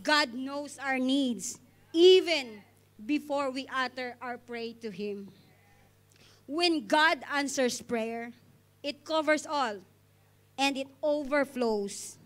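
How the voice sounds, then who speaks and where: Her high-pitched, fairly bright voice moves at a slow pace with long pauses as this young Filipino woman addresses a congregation. She leads the offering from an indoor church stage, holding a handheld microphone and delivering an earnest devotional message and prayer.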